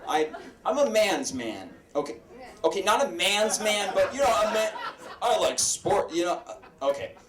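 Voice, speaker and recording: A man performs stand-up in a club, his voice bouncing with lively pitch as he halts and restarts and picks on audience members. He is recorded from a distance in an echoey room. Loud audience laughter surrounds him. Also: a crowd in the background. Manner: halting, full of fillers and restarts; addresses audience members directly. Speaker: stand-up comedian. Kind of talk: stand-up comedy set. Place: comedy club stage with live audience.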